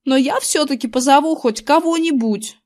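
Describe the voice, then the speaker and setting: A woman's voice: high voice, moderate pace, a little mellow, voice pushed up. A woman reading aloud, voicing a nervous young boy who stumbles and hesitates. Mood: flustered. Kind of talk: audiobook character reading.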